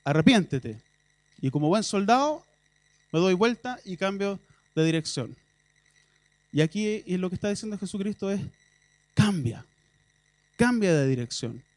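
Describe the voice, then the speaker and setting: A man's voice: high voice, animated, moderate pace, pauses often, no echo. A man with a Chilean Spanish accent preaching a sermon in a church, talking in a conversational way with ironic asides and emphatic bursts.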